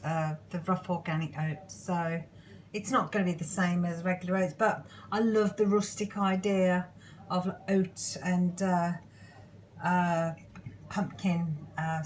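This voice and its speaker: A woman chatting her way through a home baking demonstration in her kitchen, pausing often with ums. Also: fairly low pitch, a little hiss or hum, rough recording. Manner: chatty, self-narrating with frequent ums. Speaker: home cook. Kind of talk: casual cooking demonstration.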